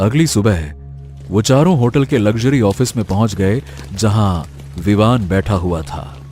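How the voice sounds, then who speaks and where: A man narrating a scripted story in a steady storytelling manner. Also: fairly low pitch, measured pace, soft background music.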